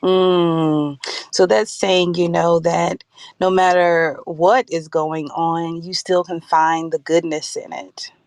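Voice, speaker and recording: A guest speaking slowly and thoughtfully over a phone call whose audio keeps breaking up. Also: medium pitch, level tone, clean tone, no room sound. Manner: slow, thoughtful, with fillers. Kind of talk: casual reflective discussion.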